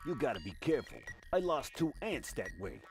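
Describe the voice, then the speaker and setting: A man voicing a blunt, gruff soldier-type in a video game. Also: medium pitch, sing-song, fairly quick, soft background music.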